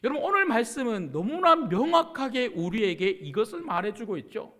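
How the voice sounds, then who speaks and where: A male pastor preaches a Sunday sermon in a strikingly high voice. His pitch rises and falls freely, giving the sermon a lively sing-song shape. He presses hard on key words, then sinks to a soft, hushed delivery. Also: a little fast. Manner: emphatic preaching that swings between loud stresses and soft hushed passages. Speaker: senior pastor.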